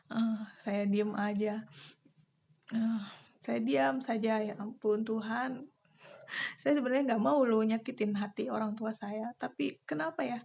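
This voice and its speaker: A woman giving an earnest, emotional personal testimony, with many fillers and pauses. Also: on the high side, vocal fry, a little mellow, breathy edge. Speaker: church member giving testimony.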